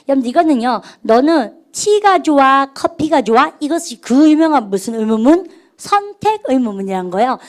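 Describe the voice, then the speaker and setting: A woman teaching an English grammar lesson in an energetic, call-and-response classroom manner. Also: high-pitched. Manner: energetic, drills students with call-and-response prompts. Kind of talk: lively classroom lecture.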